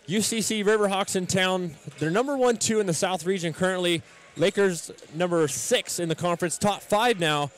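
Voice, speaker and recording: A man's voice: high voice, moderate pace. A man hosting a college basketball broadcast, welcoming listeners and running through stats with some fillers. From United States. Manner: scripted welcome, stat rundown with fillers. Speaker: play-by-play announcer. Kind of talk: pregame sports broadcast.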